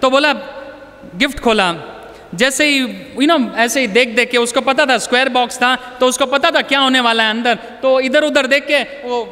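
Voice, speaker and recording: A man's voice: very high voice, normal speed, bright, forceful tone, in a large hall. A man telling personal stories in a chatty talk to an audience, dropping English words into his speech. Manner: conversational, anecdotal, mixes in English words. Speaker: motivational speaker.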